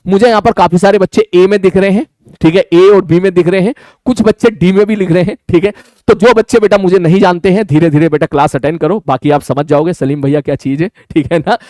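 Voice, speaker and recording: Guy teacher on a live online class, talks fast, keeps repeating stuff, kinda high voice. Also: steady tone, a little mellow, no echo, studio quality. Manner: fast-talking, repeats phrases and "thik hai" constantly.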